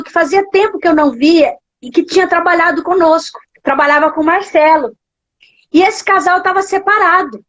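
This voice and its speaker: A woman with a Brazilian Portuguese accent, a pastor giving an emotional testimony in a live interview, her voice sometimes breaking. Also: very high voice. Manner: emotional storytelling, voice breaking at times. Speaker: guest, pastor. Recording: dull lo-fi live stream audio.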